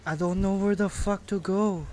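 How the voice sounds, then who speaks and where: A man playing a horror game in casual let's-play commentary, jumpy and excitable, laughing and swearing, with his voice going hoarse. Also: high-pitched, normal speed, slight background noise.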